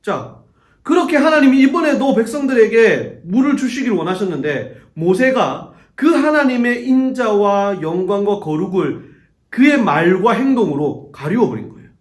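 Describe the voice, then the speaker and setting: A middle-aged male youth pastor preaching a sermon to teenagers in a church, telling the story with animated storytelling. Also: high voice, moderate pace. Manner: animated storytelling, acts out quoted voices. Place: church sanctuary. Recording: echoey church room.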